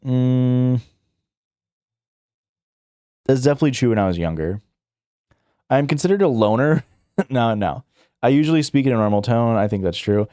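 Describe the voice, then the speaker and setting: Reading out questions on a live stream, this young adult man replies casually and meanderingly, stacking up fillers, correcting himself, starting over and chuckling. He speaks at a normal speed with medium pitch, a dark tone and lively intonation, pausing often. The audio is dry and studio quality.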